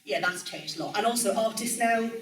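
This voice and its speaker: Fairly high-pitched and fairly quick, this music journalist from Wales, in her forties, chats casually as a guest speaker. She is full of ums and self-corrections and laughs readily. A distant mic picks her up in an echoey room with faint background noise.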